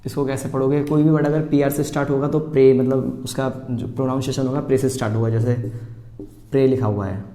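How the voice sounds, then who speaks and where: A man teaching basic English reading in Hindi, sounding out words slowly, repeating them and asking the viewer how to read them. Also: mid-range voice, level tone, warm tone, roomy sound. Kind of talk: spoken classroom lesson.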